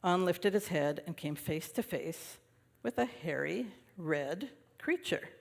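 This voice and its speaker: A man, a minister, reading a children's story aloud during a service in a gentle storytelling manner with light asides. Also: high-pitched, lively intonation, slow, creaky. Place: large worship hall. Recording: long reverb of a worship hall.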